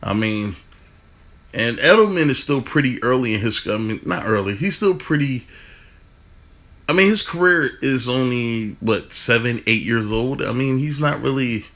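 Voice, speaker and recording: A man talking fast in a casual football rant, stumbling over restarts and swearing casually. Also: medium pitch, lively intonation, fairly bright tone. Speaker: football fan commentator.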